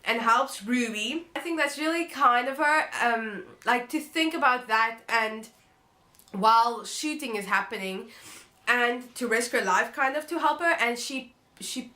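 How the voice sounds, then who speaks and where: A woman's voice: fairly high pitch, unhurried, pushed and bright. A woman with a blocked, nasal voice from a cold gives a casual book review in hesitant, loosely phrased talk. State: congested, blocked nose from a cold. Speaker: book review channel host.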